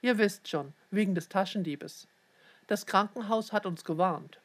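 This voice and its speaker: A woman voicing a brisk, flustered mother who talks hurriedly, in a storybook reading. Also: mid-range voice, lightly acted.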